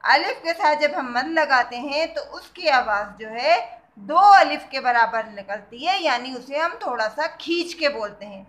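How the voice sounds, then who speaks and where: A woman's voice: high voice, animated, a little slow, fairly bright tone. A woman teacher, patiently explaining a kindergarten writing lesson, spelling out letters and asking questions.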